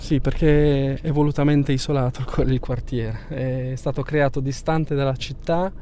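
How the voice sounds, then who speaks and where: A man speaks in a measured, thoughtful way, often circling back over his words. He is interviewed inside a moving car, and traffic noise runs clearly under his voice. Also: mid-range voice, steady tone, dark tone. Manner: measured, repeats words while thinking. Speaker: youth program coordinator.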